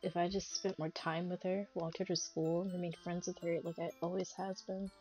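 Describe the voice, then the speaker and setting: A young woman streaming a visual novel, reading its text aloud in a measured voice and breaking into loud reactions. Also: lowish voice, level tone. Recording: dull lo-fi stream audio with faint game music.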